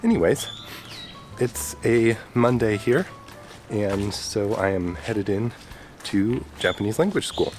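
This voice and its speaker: Speaking slowly in a fairly low voice, a young man from the Chicago area vlogs casually as he strolls outdoors through the city. A cold leaves him sounding stuffed-up and nasal, and music runs beneath the relaxed, chatty talk.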